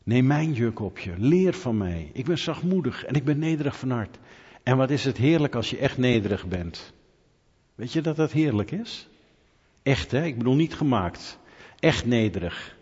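A middle-aged man preaching a conversational sermon, asking rhetorical questions and building to animated emphasis. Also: mid-range voice, moderate pace, husky. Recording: dull hall reverb.

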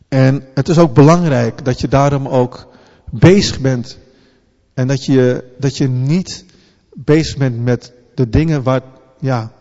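A man delivers an earnest sermon in a mellow, warm voice, stumbling and restarting his words as he goes. His voice rings with a long reverb, as in a big hall. The recording itself is dull and lo-fi. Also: mid-range voice. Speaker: preacher.

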